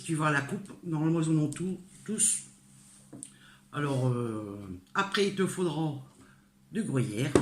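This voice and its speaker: A woman's voice: fairly low pitch, a little hiss or hum. An older woman from northern France giving a casual cooking tutorial in her home kitchen. She talks straight to the viewer in a homely, chatty way, hesitating often with fillers. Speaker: home cook. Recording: echoey kitchen with clattering dishes. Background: clinking cutlery, pots and dishes.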